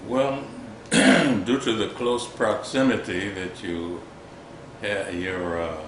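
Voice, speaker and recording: Elderly male veteran remembering his service: unhurried, lowish voice, reflective and halting, formal phrasing. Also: steady tone, fairly bright tone. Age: 80s or older. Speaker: war veteran interviewee. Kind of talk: old veteran remembering, unscripted interview recollection. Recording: echoey room with background noise.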